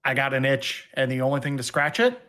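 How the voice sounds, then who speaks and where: A man co-hosts a podcast with a chatty, enthusiastic way of telling stories. He speaks at an everyday pitch in a relaxed, casual chat. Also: fairly quick. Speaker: podcast co-host.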